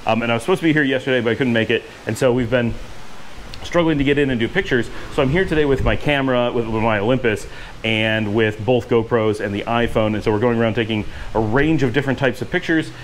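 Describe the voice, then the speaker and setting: A man's voice: mid-range voice, fast talker, slight background noise. A man in his forties filming a walking house tour vlog with a handheld action camera, enthusiastic and rambling with lots of fillers. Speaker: vlogger. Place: indoor and outdoor rooms of a house with courtyard pool. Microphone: handheld action camera at arm's length.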